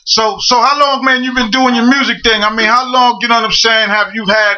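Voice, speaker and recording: A man's voice: extremely high pitch, fairly even intonation, a little fast, pushed and bright, muffled recording. A man hosting a radio interview, talking slangy and loose, often asking "you know what I'm saying". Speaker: radio show host. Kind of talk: casual interview.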